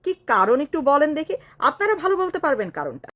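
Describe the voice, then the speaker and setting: Woman commentator, high and expressive, impassioned and accusing, throws rhetorical questions at viewers. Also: fast talker. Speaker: political commentator. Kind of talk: online political commentary.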